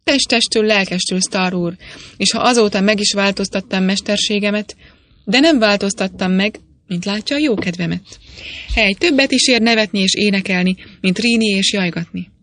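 A woman's voice: medium pitch, fairly bright tone, natural voice. Woman doing a jovial young miner. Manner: hearty, jovial. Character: cheerful young male miner, hearty singer.

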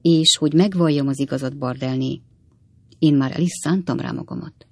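A reader voicing a kindly, earnest elderly gentleman lodger in an audiobook. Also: medium pitch, gravelly, dry recording.

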